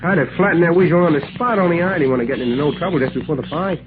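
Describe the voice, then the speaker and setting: An actor playing an indignant, rough young prizefighter in an old radio drama, slangy, unpolished and combative. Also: male voice, fairly high pitch, very fast, close to an everyday voice. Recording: noisy, narrow old radio recording.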